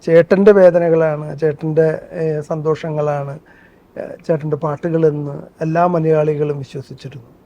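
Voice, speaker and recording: A man's voice: on the high side, flat delivery, normal speed, warm tone. Earnest man telling stories. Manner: earnest storytelling, breaks into song. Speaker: interview guest, actor and singer. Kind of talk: conversational interview with sung excerpts. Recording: dull muffled sound.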